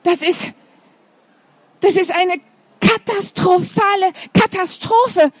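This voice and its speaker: A frantic storybook schoolteacher, put on by a woman reading aloud, her voice pitched high and stammering with alarm. She blurts out dramatic exclamations in a dry, close sound. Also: takes it slowly, no room sound. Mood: panicked. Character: flustered excitable female schoolteacher.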